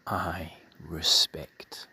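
A man softly leading a guided meditation in a breathy, soothing half-whisper, with measured phrases and long pauses. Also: very deep voice, level tone, no room sound.

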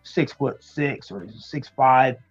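A man from the United States, raised in New York and Florida, talking as an interview guest in a relaxed, hesitant way with many ums. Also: mid-range voice, slow, highs cut off, soft background music. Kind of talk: casual interview chat.

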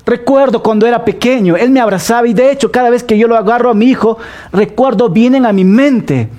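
A middle-aged man with a Peruvian Spanish accent, preaching a sermon to his congregation, asking them questions and repeating key phrases slowly for emphasis. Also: very high voice, warm tone. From Peru. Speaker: pastor. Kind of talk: sermon, Bible study.

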